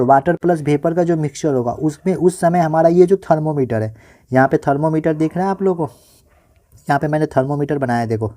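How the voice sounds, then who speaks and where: Indian guy teaching physics online, warm mellow voice, keeps asking the kids questions then answers them, goes slow on purpose. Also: fairly high pitch. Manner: coaxing, asks students questions and answers them himself; says he talks slowly on purpose. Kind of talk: online class lecture.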